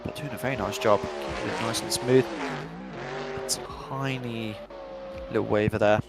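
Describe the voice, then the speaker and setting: A man's voice: fairly low pitch, expressive, moderate pace, creaky, loud music behind the voice. A young man giving chatty, upbeat play-by-play commentary on a virtual drift event and reading out live chat.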